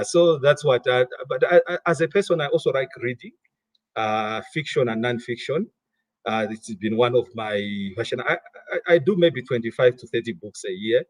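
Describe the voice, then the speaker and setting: A man in his thirties from Malawi talks through his career on a video call. His voice is of middling pitch and sounds close and dry. He is animated and often repeats words as he finds his thread. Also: no room sound. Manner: animated, repeats words while gathering thoughts. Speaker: guest, finance director. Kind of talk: conversational interview answers.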